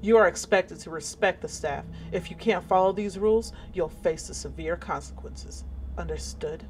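A woman's voice: lowish voice, normal speed, background noise, close to an everyday voice. A woman voicing a strict, scolding asylum nurse in a horror game, with a cold, commanding manner.

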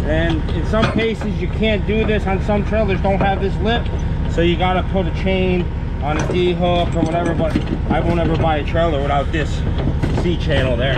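Guy walking thru a tie-down job outside, kinda high voice, loud outdoor noise all over. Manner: plain-spoken, practical, working with hands. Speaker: equipment operator explaining tie-down. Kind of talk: casual how-to narration while working. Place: outdoors on a trailer at a job site. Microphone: action camera mounted on the trailer.

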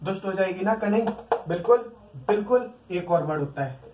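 A man with an Indian accent teaches an exam-prep vocabulary lesson in a high-pitched, expressive, somewhat dark voice at a moderate pace. He drills words by repeating them over and over and keeps questioning the class. The recording sounds echoey, with the mic set at a distance.

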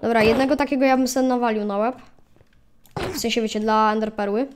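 A gaming channel host with a fairly high, steady voice talks fast through casual let's-play commentary. She chats with viewers and yelps when mobs attack, with noise audible in the background.

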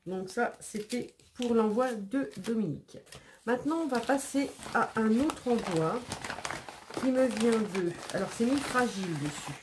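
A woman's voice: a little high, expressive, moderate pace, background noise. A woman hosting a scrapbooking channel, unboxing mail in a casual, chatty way with many hesitations and repeated words, sniffling a little. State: sniffling after sneezing.

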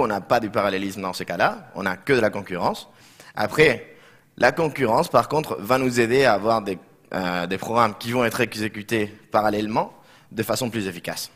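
A man's voice: on the low side, a bit bright. Spanish-accented man presenting in slightly broken French. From Barcelona, Spain. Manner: slightly broken non-native French, hesitant with frequent reformulations. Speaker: conference speaker, software developer. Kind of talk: technical conference presentation. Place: conference room, indoors.

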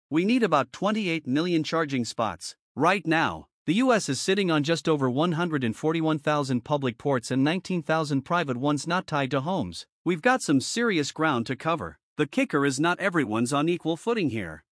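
A man's voice: fairly high pitch, no room sound, clean studio sound. A man reading a scripted voice-over about cars in a casual, wry way with rhetorical asides. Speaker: narrator.

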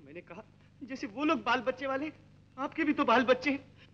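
An earnest, simple village man who pleads and swears oaths with total conviction. The voice sits very high and sharp. It comes from a muffled 1960 film soundtrack. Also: normal speed, heavily acted. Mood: accusing. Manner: impassioned, swearing oaths, imploring.

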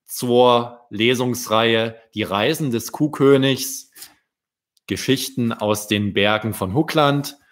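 A man, a children's book author, reading his story aloud in a deliberate storytelling manner. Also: medium pitch.

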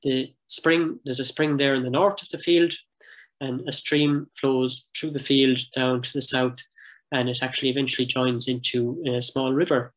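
A middle-aged man giving a heritage lecture as a project coordinator, speaking in a measured, explanatory way, slowing down to sound out pronunciations and clearing his throat now and then. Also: medium pitch, fairly bright tone, low-quality recording.

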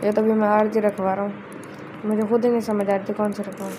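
A woman's voice: mid-range voice, fast. A woman hosting a gameplay video, giving chatty, casual commentary as she plays and often addressing her viewers as guys. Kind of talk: casual let's-play commentary. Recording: steady background noise.

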